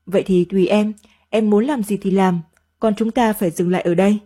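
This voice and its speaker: A woman's voice: mid-range voice, steady tone, a little fast, mellow, lightly acted. A woman voicing a tired, irritable married man who wants to end an affair, in a read-aloud story. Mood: weary. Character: married man, weary, evasive lover.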